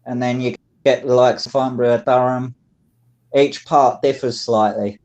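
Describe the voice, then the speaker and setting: A man's voice: mid-range voice, steady tone, a little slow, a little mellow, lo-fi sound. A man with a London accent, chatting casually over a phone and rambling with lots of fillers. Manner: rambling, many fillers like "it's like". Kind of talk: casual chat.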